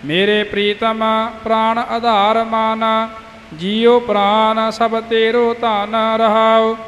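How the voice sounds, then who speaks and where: A man chants devotional hymns very slowly, his voice pitched high and held to a narrow, even melody. The sound rings in a reverberant hall, with faint music underneath. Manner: slow sung recitation of scripture. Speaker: kirtan singer.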